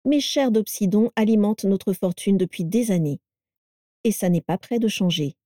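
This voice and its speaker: A woman voicing a cheerful, self-assured elderly mother with a placid, gently mocking manner. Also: mid-range voice, moderate pace, no echo, studio quality, close to an everyday voice.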